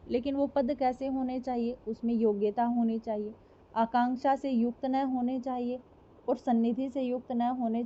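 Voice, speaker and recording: Lo-fi woman teaching, high voice. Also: darkish tone. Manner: asks questions and answers them herself, repeats examples slowly. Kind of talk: explanatory classroom lecture. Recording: dull lo-fi recording.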